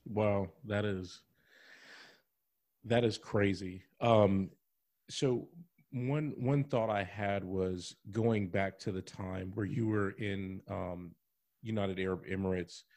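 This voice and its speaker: Man, podcast co-host, lowish voice, easygoing talk. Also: fairly even intonation, slow, darkish tone. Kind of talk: podcast hosting.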